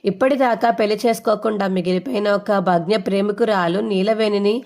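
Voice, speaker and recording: A woman's voice: medium pitch, steady tone, fairly quick, darkish tone, close to an everyday voice. A woman voicing a grown son who teases his mother in a mock-serious, dramatic way.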